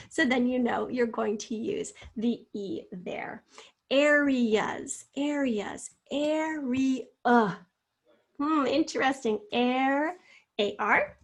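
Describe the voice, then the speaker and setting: A woman teacher with a slightly high voice walks students through a spelling lesson. She draws out each syllable slowly and speaks to them in an encouraging way. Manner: slow, drawn-out sounding out of words; encouraging, addresses students directly.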